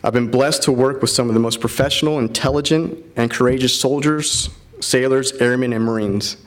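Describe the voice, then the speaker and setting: A man's voice: mid-range voice, moderate pace. A man in his thirties from Florida, an army officer giving an earnest ceremonial keynote speech with frequent fillers.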